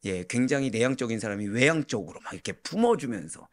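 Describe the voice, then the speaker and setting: A middle-aged man preaching as a pastor. He keeps asking the congregation questions and answering them himself, moving from loud preaching to quiet, low asides. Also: animated, fast. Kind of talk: sermon.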